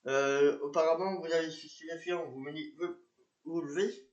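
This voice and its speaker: A man's voice: a little high, steady tone, moderate pace, highs cut off. Hesitant man in an echoey room. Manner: hesitant, repetitive, many fillers. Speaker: narrator and police officer. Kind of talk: amateur reenactment of police patrol.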